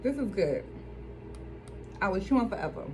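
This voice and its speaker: A woman's voice: mid-range voice, lively intonation, moderate pace, a little mellow, a little hiss or hum, poor audio. A young woman reviewing food in a casual vlog, chatting to viewers while she eats. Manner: chatty, addresses viewers as y'all. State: talking while eating.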